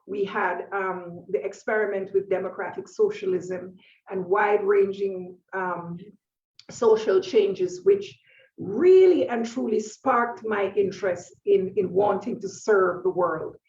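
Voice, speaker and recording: A woman around sixty from Jamaica talks thoughtfully as an interview guest, pausing and restarting as she reflects. Her voice sits back from the mic in a roomy, echoey space. The sound is slightly dull. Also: mid-range voice, darkish tone, recorded from a distance. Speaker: author and painter, guest. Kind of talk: conversational interview.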